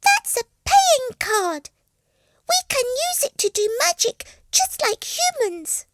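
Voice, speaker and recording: A tiny, squeaky young girl mouse from a storybook, anxious and easily excited. Her voice sits very high and leaps about, delivered slowly in a dry, close sound. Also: dry recording, full character voice. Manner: squeaky, eager. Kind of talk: storybook character voice.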